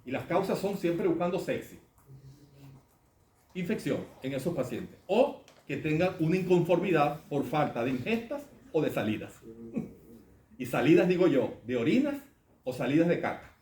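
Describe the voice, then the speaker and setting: A man's voice: fairly high pitch, very animated, moderate pace, a little mellow. A man lecturing medical students on clinical cases, conversational and often asking the class questions. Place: lecture hall. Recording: echoey classroom, faint room noise.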